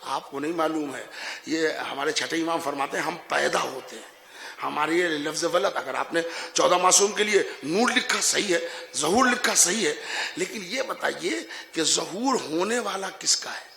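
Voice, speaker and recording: A man from Bihar, India delivering a sermon to a gathering, teasing the audience with questions and rising to emphatic shouts. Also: a little high, creaky. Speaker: Shia cleric delivering a majlis sermon. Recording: echoey hall.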